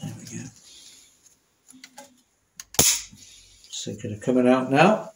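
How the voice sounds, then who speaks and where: A man's voice: medium pitch, animated, takes it slowly, gravelly, reverberant, background noise. A man demonstrating a motorcycle repair in a workshop, chatty and correcting himself as he works. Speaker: motorcycle mechanic. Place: indoor workshop.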